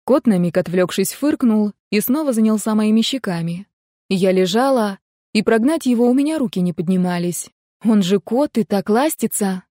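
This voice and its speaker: A woman's voice: mid-range voice, expressive, normal speed, warm tone, dry recording, clean studio sound. A woman narrating a story in the first person with a wry, exasperated manner. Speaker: audiobook narrator.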